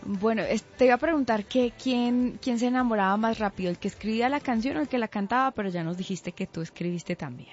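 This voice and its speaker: A woman co-hosting an interview, asking chatty questions and warmly complimenting the guest. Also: on the high side, fast talker, few pauses. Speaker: co-host. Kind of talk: casual interview talk. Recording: dull lo-fi with faint music.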